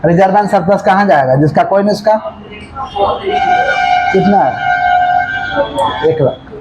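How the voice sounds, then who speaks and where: High-voiced man teaching a class. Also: very noisy. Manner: repeatedly checks understanding with questions; dictates slowly, then rattles off explanations. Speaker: commerce teacher. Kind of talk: classroom lecture.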